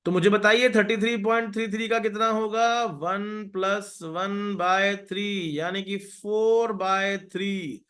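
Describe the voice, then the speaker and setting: An Indian male math teacher running a live online class, with a fairly high voice. He coaxes his students along and repeats his instructions. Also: fairly bright tone.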